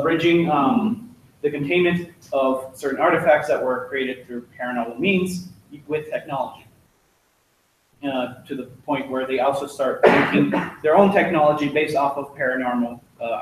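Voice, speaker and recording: A man's voice: fairly high pitch, moderate pace, heavy reverb, slight background noise. A young man giving a casual, joking club talk with slides, chatty and full of fillers, recorded from far off in a classroom. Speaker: student club presenter. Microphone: distant room mic.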